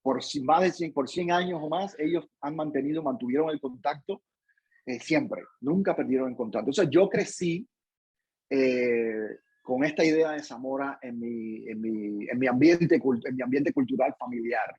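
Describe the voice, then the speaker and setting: A man's voice: medium pitch, normal speed, a little mellow, breathy edge, dry recording, highs cut off. A Cuban man answering interview questions in a thoughtful way, with frequent restarts and tag questions. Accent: Cuban Spanish. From Cuba. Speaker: interview guest, professor.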